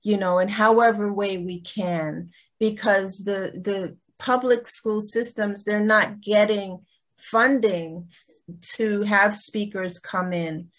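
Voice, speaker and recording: A woman from Trinidad, raised in Brooklyn, hosts an online gallery talk over a video call. She talks in a chatty, loose way, restarting sentences and leaning on "you know." Her voice sits at an ordinary middle pitch. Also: steady tone, takes it slowly, a bit bright.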